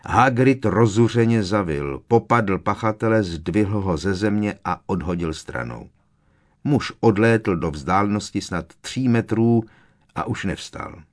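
A man reading a novel aloud as an audiobook narrator, measured and expressive. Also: on the low side.

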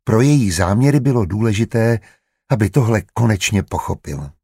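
Man reading a story aloud, steady and even, husky voice, dry sound. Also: lowish voice, dry recording. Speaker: narrator. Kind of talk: audiobook narration.

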